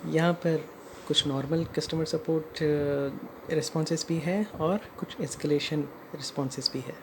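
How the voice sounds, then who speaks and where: Unhurried and medium-pitched, with fairly even intonation, an Indian vlogger talks through their own customer complaint while weaving English phrases into the narration. Background noise is clearly present.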